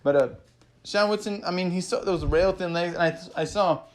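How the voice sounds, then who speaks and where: A man casually recapping fight results, excitable and rambling, swearing freely and peppering his talk with "man" and "you know". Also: high-pitched, moderate pace. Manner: acts out fighters' thoughts in quoted asides. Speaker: MMA vlogger recapping fights.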